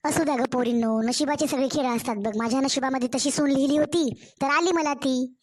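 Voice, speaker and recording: Cartoon mother-in-law with a Marathwada Marathi accent: high, scolding, sharp-tongued, voiced by a woman. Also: steady tone, brisk. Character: scolding nagging middle-aged mother-in-law.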